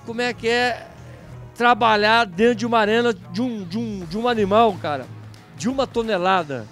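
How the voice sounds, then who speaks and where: A middle-aged Brazilian man's voice sits high and a bit bright as he reports live at a moderate pace from a rodeo festival's booths and outdoor stalls. Like a hyped, emphatic announcer, he conducts interviews through a handheld microphone while faint music plays behind.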